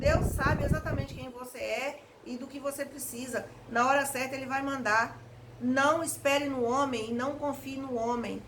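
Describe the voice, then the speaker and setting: A Brazilian woman speaks in a somewhat high voice, preaching informally in an earnest, exhorting way. She sounds like someone recording a personal reflection at home. A clearly audible fan hum runs behind her words. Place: at home, indoors. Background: electric fan noise.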